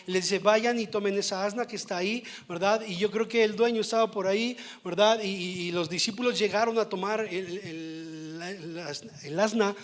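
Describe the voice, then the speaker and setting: A male pastor preaching a sermon, often pausing to ask the congregation for an amen. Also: high voice. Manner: repetitive, calls for amens and answers.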